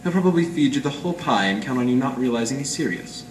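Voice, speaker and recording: Performing live in an art gallery, an amateur stage actor voices a cynical, world-weary small-time detective in the vein of 1940s radio noir, delivering wry, clipped hard-boiled slang in a businesslike way. His natural voice is mid-range, expressive and fast. The mic sits far off in an echoey, noisy space.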